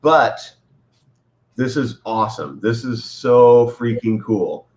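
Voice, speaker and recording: A man speaking as a guest on a casual livestream over a video call, giving brief, low-key replies. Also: expressive, slow, darkish tone.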